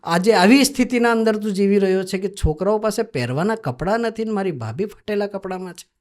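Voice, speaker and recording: A man's voice: high-pitched, fast, voice pushed up, lightly acted. A man acting out a weeping divine king speaking in a raised, tender voice. The tone is pleading and sorrowful. This is a figure within a spoken devotional story. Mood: tearful tender.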